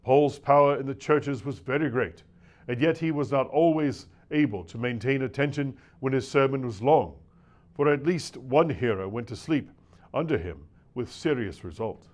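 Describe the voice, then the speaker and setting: A man giving a scripted reading of a nineteenth-century lecture to preachers, in a measured, oratorical delivery with shifting emphasis. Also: medium pitch, expressive, a little mellow. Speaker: reader of a classic lecture.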